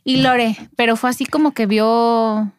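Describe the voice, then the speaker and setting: A mother with a Mexican accent, co-hosting a casual podcast chat and telling stories in slangy, animated speech. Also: on the high side, unhurried, clean tone, no room sound, studio quality. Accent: Mexican Spanish.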